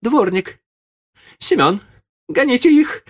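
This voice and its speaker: A haughty rich lady who turns shrill and imperious when she is crossed, put on by a man reading an audiobook. Her voice sits high above the reader's own and is loud and pushy. Her pitch swings a lot. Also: big pitch swings, unhurried, gravelly, heavily acted. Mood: furious. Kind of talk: audiobook narration.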